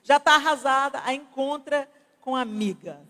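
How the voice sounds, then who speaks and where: A Brazilian woman pastor in her fifties, preaching at a women's conference in an animated, conversational way with acted-out examples. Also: high-pitched, moderate pace. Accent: Brazilian Portuguese. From Brazil (Belo Horizonte). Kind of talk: conference sermon. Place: large church conference hall. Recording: reverberant church hall.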